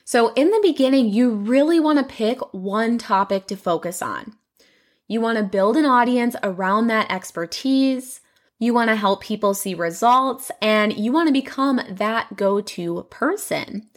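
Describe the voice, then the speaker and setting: A woman's voice: on the high side, animated, unhurried. Chatty young woman podcast host. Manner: chatty, upbeat, uses fillers like "you know". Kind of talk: casual podcast talk.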